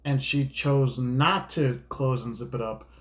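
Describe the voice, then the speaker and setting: A man's voice: mid-range voice, measured pace. A man chatting informally as a co-commentator, raising questions and swearing now and then. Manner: informal, profane. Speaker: co-commentator who filmed the video. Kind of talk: casual chat, questioning. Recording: echoey room.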